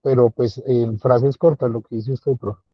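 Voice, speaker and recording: A man's voice: mid-range voice, fairly even intonation, unhurried, no echo. Man, student, polite and deferential, dry dull recording. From Colombia. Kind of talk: answering in class.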